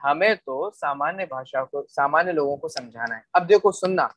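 Male religious teacher, patient explainer who repeats key points and checks that listeners follow, slightly higher voice. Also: normal speed, a bit bright, dry recording. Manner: rhetorical questions to listeners, checks they follow. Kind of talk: explanatory scripture lecture.

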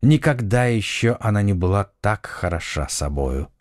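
A man narrating an adventure novel audiobook with an expressive, dramatic reading. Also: fairly low pitch, normal speed, no echo, clean studio sound. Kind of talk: scripted narration.

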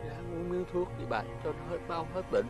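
A man's voice: on the high side, a little fast, over music, close to an everyday voice. A middle-aged man playing a pleading, remorseful husband in a TV fairy-tale drama. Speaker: grieving husband. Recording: loud background score.

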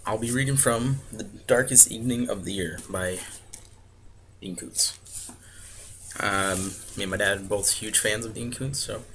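Low-voiced young American man, bright tone. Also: a little slow, pauses often, a little hiss or hum. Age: 20s. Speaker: vlogger answering a questionnaire. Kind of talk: casual chat with word-list and book reading. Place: small home room, indoors. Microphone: webcam or laptop mic at arm's length.

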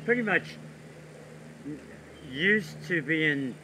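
A man in his sixties working as an animal keeper, explaining casually and haltingly, pausing mid-sentence, picked up outdoors by a nearby phone. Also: fairly high pitch, expressive, sharp tone, low-quality recording. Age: 60s. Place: outdoors in a fenced animal yard. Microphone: phone held by someone else, a few feet away. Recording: outdoor background noise, handheld phone.

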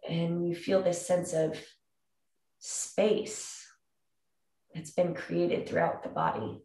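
Slow, calm woman guiding a grounding exercise. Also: fairly low pitch. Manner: calm, soothing, unhurried instructions with long pauses. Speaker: meditation guide. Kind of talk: calm guided grounding meditation. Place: indoor room with wooden floor and plank wall. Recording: roomy echo, distant microphone.

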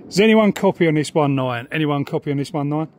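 Around his house and back garden, a middle-aged radio hobbyist with a southern English accent vlogs informally, alternating chat with radio calls. He talks fast and animatedly in a slightly high, darkish voice, with a little hiss or hum present.

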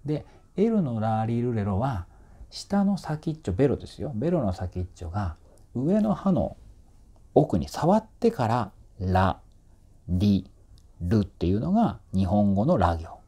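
A man's voice: medium pitch, sing-song, normal speed, mellow. A man working as a voice trainer, explaining singing technique in a chatty, informal way and demonstrating vowel sounds.

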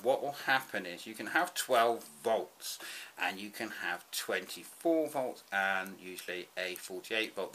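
A man's voice: lowish voice, pushed and bright, slight background noise. A man explaining a DIY solar setup in a casual, rambling way, with frequent ums as he draws at a desk. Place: indoors at a desk.

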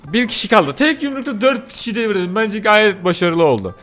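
A young man giving casual commentary on a game he plays, excitable and often breaking into shrieking outbursts. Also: sits high, brisk, faint music behind. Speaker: gaming YouTuber. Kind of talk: casual Let's Play commentary.

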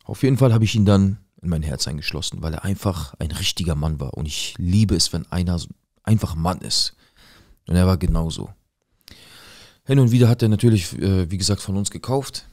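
A man's voice: low voice, brisk, darkish tone. A man casually telling his own story in first person, in plain, direct street slang, acting out what people said. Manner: acts out quoted lines in the tale.

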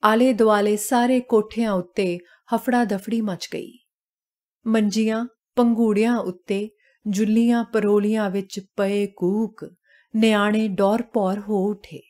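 A woman narrating a short story in a calm, measured reading voice. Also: medium pitch.

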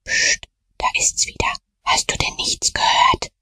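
A woman voicing a scared young boy who talks in a breathless high whisper. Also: unhurried, bright, forceful tone, dry recording. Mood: frightened whisper.

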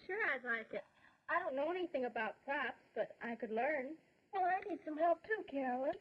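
High-voiced 1940s American high school girl. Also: lively intonation, fairly quick. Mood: friendly. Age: young adult. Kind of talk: 1940s instructional film acting. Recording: dull, lo-fi 1940s film soundtrack.

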